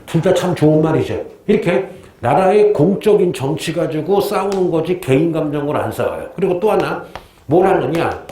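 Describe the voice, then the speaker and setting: A male history teacher giving a lively lecture, often quizzing his students with questions. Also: fairly high pitch, normal speed, reverberant.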